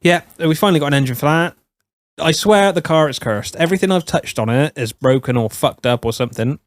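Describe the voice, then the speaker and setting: A man, co-hosting a casual podcast chat with dry, deadpan jokes. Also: on the high side, brisk, dry recording. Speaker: podcast co-host.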